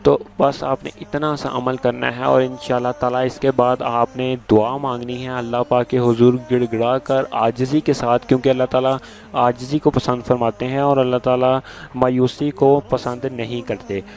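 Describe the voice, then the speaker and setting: A man patiently giving step-by-step religious instructions to viewers, repeating each step and reciting prayers slowly. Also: medium pitch, little pitch movement, a little mellow. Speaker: religious video host.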